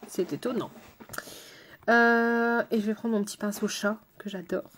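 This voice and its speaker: A woman's voice: a little high, fairly even intonation, unhurried, background noise. Chatty woman makeup artist vlogging. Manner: chatty, addresses viewers directly; playful asides to someone off camera. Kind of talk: casual makeup tutorial.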